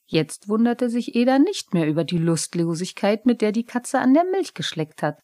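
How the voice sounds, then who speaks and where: A woman reading a children's story aloud with a lively, expressive delivery. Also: medium pitch, normal speed, dry recording, studio quality. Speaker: narrator. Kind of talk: storybook narration.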